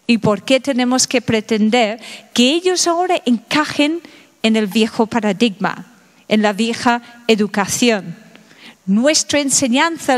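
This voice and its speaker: Middle-aged woman lecturer, slow and unhurried, high voice, full of rhetorical questions, long hall reverb. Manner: asks the audience many rhetorical questions. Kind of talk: public lecture.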